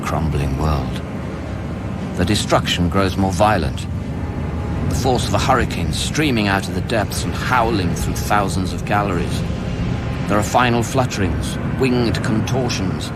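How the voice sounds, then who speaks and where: This time the haunted scientist is voiced low, a male actor giving dramatic first-person narration of strange happenings on a space station. He speaks in a measured, brooding, literary style, occasionally dropping to a whisper, with music running prominently beneath.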